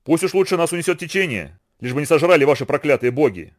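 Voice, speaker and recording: Man playing a hot-headed young man, shouting, voice pitched up. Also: animated, fast, close to an everyday voice. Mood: defiant. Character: Kofi, young African man, furious and desperate.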